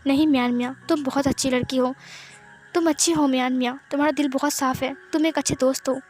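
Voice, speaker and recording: A woman's voice: high voice, steady tone, quick pace, a little mellow, soft background music, close to an everyday voice. A woman voicing a puzzled young man who bluntly turns down a friend, in a read-aloud fan story. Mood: firm.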